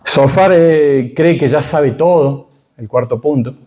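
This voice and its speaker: A middle-aged man with a Rioplatense accent gives a Bible class lecture in a warm, mellow voice at a mid pitch. He speaks with emphasis and keeps asking his listeners rhetorical questions. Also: slow pace. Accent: Rioplatense Spanish. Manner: emphatic, checks in with the audience through rhetorical questions. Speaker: Bible teacher.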